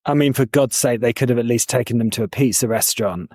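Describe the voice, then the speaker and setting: A man's voice: mid-range voice, fast, a little mellow, no room sound, studio quality. A man co-hosting a podcast, narrating in a wry, chatty way. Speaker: podcast co-host.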